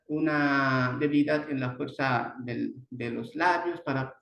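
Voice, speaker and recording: A man with a Bolivian Spanish accent giving an online speech therapy lecture, halting often, restarting words and tagging sentences with a questioning "no". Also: fairly high pitch. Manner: halting, many restarts and "¿no?" tags. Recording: roomy echo.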